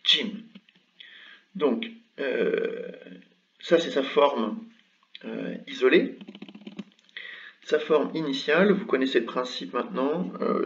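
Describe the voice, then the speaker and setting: A man's voice: medium pitch, distant mic, lo-fi sound. A man teaching an online language lesson, explaining letters step by step in a patient way with frequent hesitations. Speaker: Arabic script teacher.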